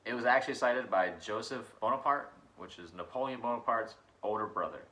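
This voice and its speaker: Laid-back young man with a bright voice. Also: medium pitch, fairly quick. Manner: laid-back storyteller, laughs often. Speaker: podcast co-host. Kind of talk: casual chat about cryptids. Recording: faulty microphone audio.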